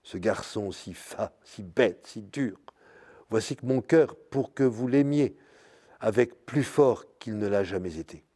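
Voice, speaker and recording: An older man, a priest, giving a spiritual lecture in a slow, searching way, full of pauses and filler words like "hein" and "euh". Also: fairly low pitch, dark tone. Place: parish hall or church.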